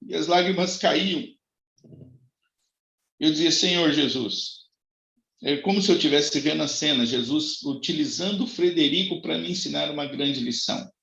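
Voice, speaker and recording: A man preaching as a pastor, telling a personal testimony with dramatic swings between high cries and soft low passages. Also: normal speed, gravelly. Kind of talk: sermon testimony. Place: church. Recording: echoey, dull lo-fi church recording.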